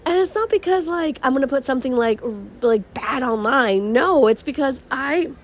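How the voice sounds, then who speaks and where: A young woman with a high voice, a vlogger and podcast host, talks through her own vlog at normal speed in a bubbly, slangy, upbeat way. Her voice sounds slightly strained as it recovers, swooping from excited squeals to low asides.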